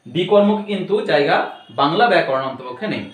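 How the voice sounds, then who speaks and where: A man's voice: fairly high pitch, animated, quick pace, echoey room, poor audio. A man teaching an online grammar lesson, explaining patiently step by step and checking in with repeated questions.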